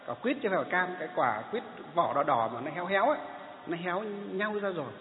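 A male Buddhist monk, telling a story in a sermon in an animated way and repeating his phrases. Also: sits high, fast talker, slight background noise. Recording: tinny phone-like sound in an echoey hall.

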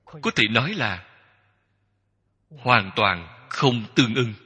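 A man giving a Buddhist dharma talk as a teacher, speaking in slow, measured short phrases that repeat. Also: mid-range voice, lively intonation, sharp tone, breathy edge. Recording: long hall reverb.

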